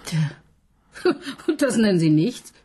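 This actress's police detective swings widely in pitch from a mid-range base, speaking slowly with a warm, breathy tone. The radio-play inspector is ironic and coaxing, teasing and mocking in a heavily acted performance and frequently dropping to a whisper.

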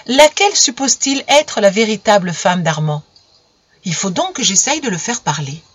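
A narrator voicing a young woman, jealous and indignant, who fires sharp accusing questions in an audiobook. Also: mid-range voice, big pitch swings, normal speed, breathy edge, no echo. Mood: brooding. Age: young adult. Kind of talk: audiobook character voice.

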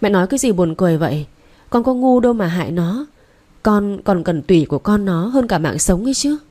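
A woman's voice: mid-range voice, expressive, fairly quick, mellow, natural voice. A woman reading aloud voices a frightened, scheming young wife who whimpers and pleads in panic. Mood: defensive.

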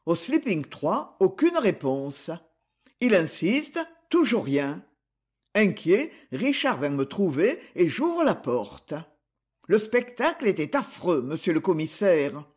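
Guy reading as a shook-up witness telling the cops, husky and lively. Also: high voice, slow pace, exaggerated voice. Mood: earnest. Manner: earnest, reporting urgently. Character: shaken man reporting a grisly discovery.

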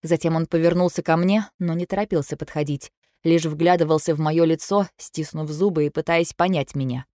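A woman reading a first-person audiobook in a soft, subdued way. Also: deep voice, steady tone, a little fast, no echo, clean studio sound. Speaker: audiobook reader.

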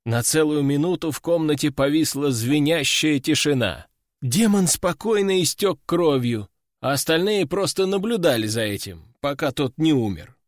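Male narrator, first-person audiobook, animated delivery, dry close mic. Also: fairly high pitch, normal speed, no echo.

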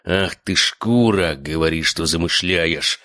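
A man's voice: rumbling low, a little fast, vocal fry, bright, forceful tone, dry recording, studio quality, full character voice. A man voicing a stern, hot-tempered noble father who growls out orders. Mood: furious. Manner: growling, commanding. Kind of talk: audiobook character voice.

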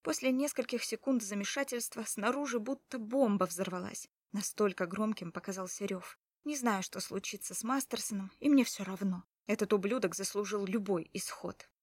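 A woman's voice: mid-range voice, normal speed, few pauses, slightly rough, no echo. A woman reading a first-person story aloud in an emotional, urgent way. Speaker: narrator. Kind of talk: first-person audiobook narration.

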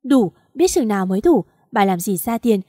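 A woman's voice: mid-range voice, sing-song, normal speed, warm tone, no echo, clean studio sound. A woman reading an audiobook and voicing a harsh, scornful older husband. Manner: scolding, contemptuous.

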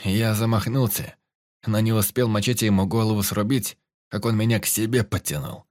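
A man voicing a hot-tempered wounded male fighter who shouts and boasts in a hoarse voice, read in an audiobook. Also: fairly low pitch, steady tone, fairly quick, no room sound, clean studio sound, lightly acted. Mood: boastful. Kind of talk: audiobook character reading.

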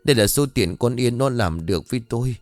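A man voicing a kindly older village woman who gently consoles a grieving mother. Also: medium pitch, animated, fast talker, no echo, soft background music, natural voice. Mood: consoling.

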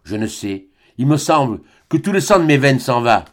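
A male audiobook reader voicing a weary young man, a former priest, speaking in a calm, even, subdued voice. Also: mid-range voice, moderate pace, lightly acted. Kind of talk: audiobook character reading.

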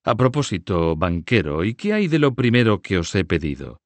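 A man's voice: low-pitched, sing-song, normal speed, dry recording. A man voicing a huge, brash nobleman who speaks bluntly and commandingly. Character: giant boisterous nobleman, count, brash.

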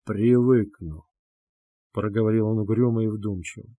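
A man narrating a classic novel in a measured, literary reading. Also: medium pitch, steady tone, no echo, phone-quality sound.

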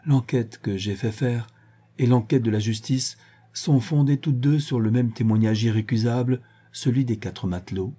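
A man's voice: mid-range voice, moderate pace, dark tone, slightly rough, close to an everyday voice. A man reading an anxious young woman. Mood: earnest. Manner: anxious, pleading. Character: young woman seeking her lost son.

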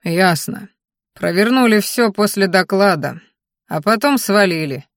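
A woman's voice: medium pitch, animated, unhurried, dry recording, clean studio sound. A woman reading the part of a stern, suspicious gang boss, curt and demanding. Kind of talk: audiobook character voice.

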